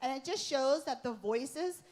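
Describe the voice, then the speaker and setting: A woman speaks from a church stage in an earnest, storytelling way. Her voice is somewhat higher than average, and she leans on "um" and "right?" as she talks. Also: animated, a little slow, a little mellow. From Pennsylvania. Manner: earnest storytelling, tag questions. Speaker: worship leader, guest speaker. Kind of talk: conversational sermon. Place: church stage before a congregation.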